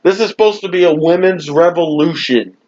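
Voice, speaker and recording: A man's voice: on the high side, fairly quick, darkish tone, highs cut off. A man giving a profane, exasperated rant as a wrestling show reviewer, recorded at home. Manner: exasperated, swears constantly, mocking laughs. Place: home room.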